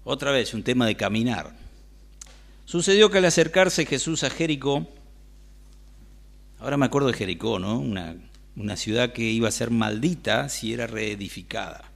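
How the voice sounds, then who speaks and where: A man's voice: medium pitch, animated, normal speed, gravelly, long pauses. A man with a Rioplatense Spanish accent preaching a sermon in a church, talking conversationally and asking the congregation questions.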